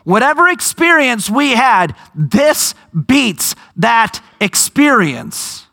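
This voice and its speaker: A man preaching a sermon, telling a scripture story with emphatic, drawn-out phrases and lively storytelling. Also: extremely high pitch, gravelly. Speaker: pastor.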